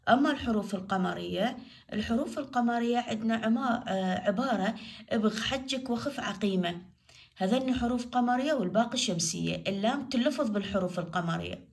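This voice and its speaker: Iraqi woman teaching a slow grammar lesson. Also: a little high, vocal fry. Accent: Iraqi Arabic. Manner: slow, repeats each example word for dictation; asks pupils questions and answers them herself. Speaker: primary school Arabic teacher.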